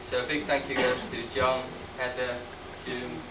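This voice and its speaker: A man gives a prepared wedding speech as the groom, with dry jokes. His medium-pitched voice reaches a distant microphone in an echoey room, under heavy noise. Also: monotone, moderate pace.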